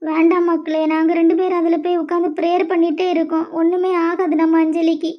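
A woman plays a gentle middle-aged cartoon mother with a Kanyakumari Tamil accent who soothes her son softly. Her voice is very high and flat, and the recording is dull and lo-fi. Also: fast talker. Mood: soothing.

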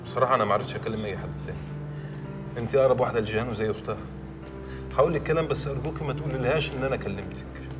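Actor as an exasperated young egyptian husband, very fast talk, mid voice, music under the film. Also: male voice, mid-range voice, far from the mic, close to an everyday voice. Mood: pleading. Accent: Egyptian Arabic. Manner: rapid, pleading, exasperated. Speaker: newly married husband. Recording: film audio with music behind.

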